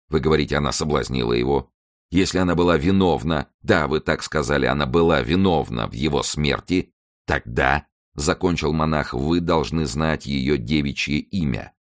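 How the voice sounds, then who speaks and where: A man's voice: extremely low pitch, dry recording, clean studio sound. Man doing a stern, vengeful false monk. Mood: insistent. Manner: slow, stern, commanding. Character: vengeful man posing as a monk, cold and relentless.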